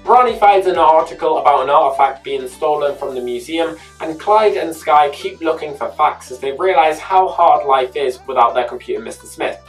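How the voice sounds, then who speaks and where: A chatty YouTube host narrates a scripted episode recap and drops in personal asides. The voice sits at a middling pitch. It is picked up from a distance, with faint music playing underneath. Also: normal speed, few pauses.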